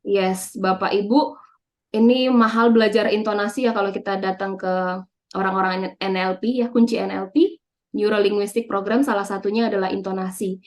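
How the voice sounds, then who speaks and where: A woman teaching an interactive online class, lively and playful, quizzing her listeners as she goes. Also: mid-range voice, normal speed.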